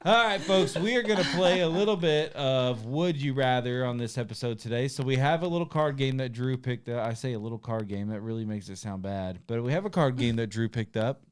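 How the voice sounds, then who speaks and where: A man with a clear, smooth voice at an ordinary pitch hosts a laid-back online show. He steers the conversation into a party-game segment and makes offhand jokes as he goes. His delivery is relaxed and unhurried. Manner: easygoing, runs the segment, wry asides. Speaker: podcast host. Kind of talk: casual chat, hosting a game segment.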